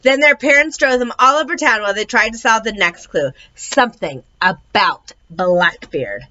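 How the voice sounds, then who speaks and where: Woman reading a kids' book aloud, lively bright voice, unhurried, slightly dull lo-fi sound. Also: a little high. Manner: expressive, voices the characters. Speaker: storyteller. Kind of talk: children's book read-aloud. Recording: dull lo-fi recording.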